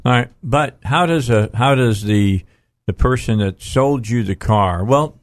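A man's voice: mid-range voice, measured pace. A man hosting a radio talk show in casual, conversational live talk.

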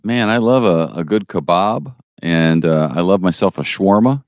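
A man's voice: sits low, expressive, moderate pace, no room sound, studio quality. A man co-hosting a casual local news show, joking and bantering in a laid-back way.

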